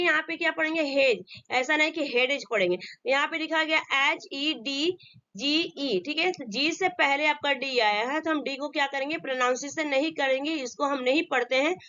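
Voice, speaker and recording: A woman teaches an English spelling lesson in a high, bright voice. She keeps asking questions and answering them herself, in a steady drilling way. The recording sounds dull and lo-fi. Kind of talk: classroom lesson.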